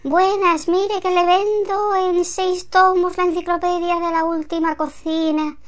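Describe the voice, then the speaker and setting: A pushy door-to-door seller launches into a chirpy pitch in a high, sing-song voice, as a woman puts her on. She stays insistent and upbeat. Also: level tone, a little slow, heavy background noise. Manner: bright sales pitch. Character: pushy door-to-door encyclopedia saleswoman.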